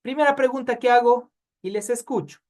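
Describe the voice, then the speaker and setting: A man's voice: extremely high pitch, a little fast, darkish tone. A man teaching a Bible study class in a conversational way, asking his students questions and addressing them by name.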